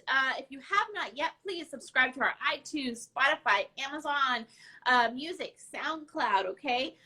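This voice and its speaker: Bright, high-voiced woman hosting casually. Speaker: podcast host and designer. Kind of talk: casual unscripted live-stream chat.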